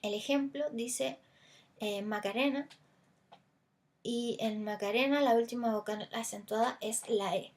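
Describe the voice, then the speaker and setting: Patiently working through examples, a Chilean teacher in a recorded language lesson draws out the stressed vowels of words to show them. Her somewhat high, darkish voice keeps a measured pace, dotted with small hesitant fillers.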